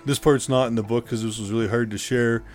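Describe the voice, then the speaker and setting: Canadian man, halting mid-pitched voice. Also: fairly even intonation, soft background music. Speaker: interview guest. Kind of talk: casual personal storytelling.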